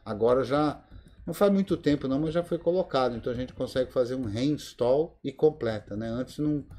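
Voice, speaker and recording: Teaching a live Linux lab by screen share on a video call, a man with a Brazilian Portuguese accent speaks fairly quickly in a dark, medium-pitched voice. As the instructor, he thinks aloud and fills his speech with many fillers, heard through a video call mic.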